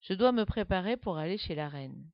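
A woman's voice: animated, a little fast, no echo. A woman voicing an ugly, aggressive old duchess who bullies and shrieks, on a dull, dry recording. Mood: bossy. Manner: shrill, bullying.

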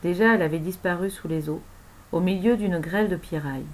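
A woman narrating a novel aloud in an expressive storytelling manner. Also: lowish voice, fairly quick, rough recording. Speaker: audiobook narrator.

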